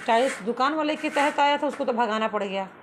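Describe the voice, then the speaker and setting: Over background noise, a woman with a high voice talks fast in a casual vlog from her home under renovation, ranting indignantly and laughing as she tells her story.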